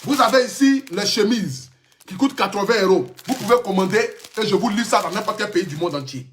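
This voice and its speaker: A man's voice: sits high, expressive, a little fast, a little hiss or hum. Impassioned Ivorian man ranting live. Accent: Ivorian French. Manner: impassioned, emphatic, repetitive. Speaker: social media personality. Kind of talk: live stream rant.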